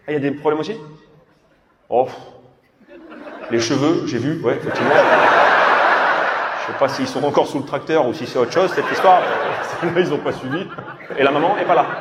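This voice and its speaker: A man with a southern French accent doing improvised stand-up crowd work, teasing and mocking audience members and echoing their answers back to them. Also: fairly high pitch. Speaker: stand-up comedian. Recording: live comedy room, loud crowd laughter and noise. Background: audience laughing and loud room noise.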